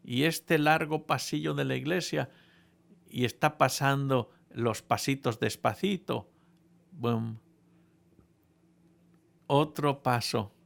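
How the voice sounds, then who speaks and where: A man preaching a sermon, telling a humorous story to his congregation in a playful, animated way with frequent restarts. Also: medium pitch, takes it slowly, vocal fry, long pauses.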